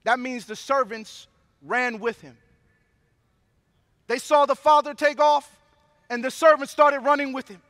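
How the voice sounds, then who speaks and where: A man's voice: very high voice, steady tone, measured pace, pauses often, a bit bright, dry recording. A man preaching a sermon, a father who mixes impassioned preaching with personal stories. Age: adult father of young children. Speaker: pastor.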